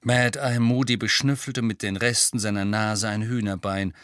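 A man reading an audiobook in a slow, lively storytelling manner. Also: fairly low pitch, no room sound. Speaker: audiobook narrator. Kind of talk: scripted narration.

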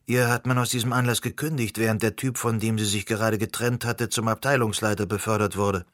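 A man's voice: on the low side, little pitch movement, fairly quick, a bit bright, no echo, clean studio sound, lightly acted. A man reading the part of an anxious, easily annoyed man who organizes an event and worries about everything that could go wrong. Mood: brooding.

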